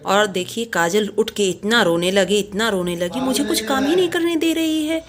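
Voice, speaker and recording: A woman's voice: medium pitch, expressive, normal speed, a crowd in the background. A woman narrating a doll storybook video, chatting directly to her viewers.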